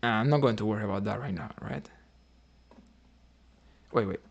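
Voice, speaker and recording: A man from Cuba streams chess, thinking aloud about his moves in live commentary while he plays, often tacking on "right?" and chatting with viewers between moves. His voice is lowish and creaky at a moderate pace, with lo-fi sound.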